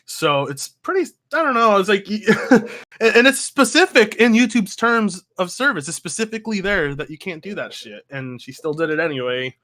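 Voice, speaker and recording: Bright, higher-pitched male podcast co-host. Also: big pitch swings, moderate pace. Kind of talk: casual chat, sweary.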